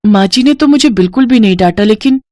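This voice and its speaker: A woman's voice: medium pitch, animated, fast, darkish tone, no echo, clean studio sound, voice pushed up, natural voice. A woman voicing a timid young bride in a cartoon story, who talks in an anxious, pleading, stammering way. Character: timid young new bride, easily frightened.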